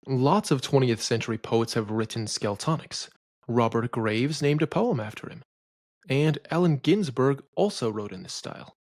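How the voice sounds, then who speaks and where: A man giving a scripted lecture on poetry, who reads lines of verse slowly with heavy stress. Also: mid-range voice, animated, darkish tone, no room sound, clean studio sound. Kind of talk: scripted educational narration.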